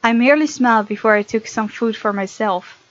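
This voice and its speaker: This gaming video host, a woman with a fairly high voice, reads a visual novel aloud at a fairly quick clip and adds casual, expressive commentary. The recording is dry and slightly muffled, like a modest home mic, with no room sound.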